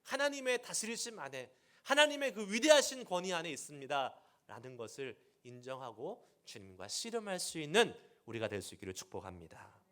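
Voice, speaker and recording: A male pastor preaching a sermon, acting out quoted speech with dramatic shifts between loud and soft. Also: a little high, big pitch swings, brisk, few pauses. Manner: dynamic preaching, voicing God's words in dramatic quotes.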